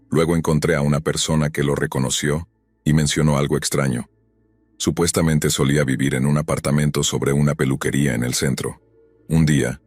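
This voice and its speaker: Male horror narrator, very low husky voice, dry close mic. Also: dry recording. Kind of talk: scripted narration.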